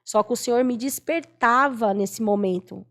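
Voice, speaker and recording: A woman's voice: a little high, normal speed, a bit bright. A Brazilian woman in her forties giving an emotional personal testimony as a guest, earnest and storytelling, acting out the voices she quotes. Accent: Brazilian Portuguese. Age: 40s.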